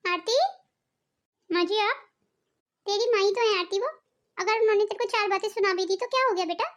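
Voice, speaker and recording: Woman doing a kind humble mother-in-law, cartoon, very high voice, soft and reassuring. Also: brisk. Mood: gentle. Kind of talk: cartoon voice acting.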